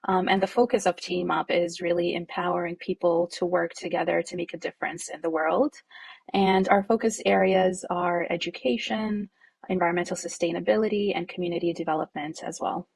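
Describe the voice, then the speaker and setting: Originally from Jordan, this nonprofit co-founder responds to interview questions in a thoughtful, chatty way, often using fillers and laughing softly. Her voice is lowish, steady, and gravelly, her pace brisk, with slight hiss or hum in the background.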